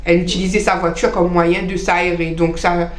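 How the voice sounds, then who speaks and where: A woman's voice: lowish voice, level tone, normal speed. A woman in casual gossip chat, chiming in as a co-host to back up and clarify the story. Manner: interjecting, backing up the storyteller. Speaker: co-host adding comments and clarifications. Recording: echoey room, faint background noise.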